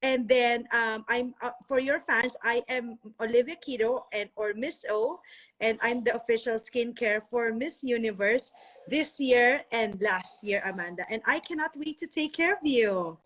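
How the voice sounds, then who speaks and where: A woman's voice: a little high, unhurried, a bit bright. A woman hosting a casual live-stream interview over a video call, gushing and effusive, often stumbling over her words. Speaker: interviewer, skincare sponsor. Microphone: phone or laptop video call.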